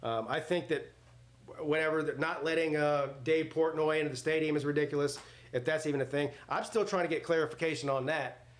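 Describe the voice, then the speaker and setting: With a fairly high pitch and a steady tone, a man in his forties briskly hosts a live sports watch party. He rambles through casual conversation and play-by-play, joking bluntly as he goes.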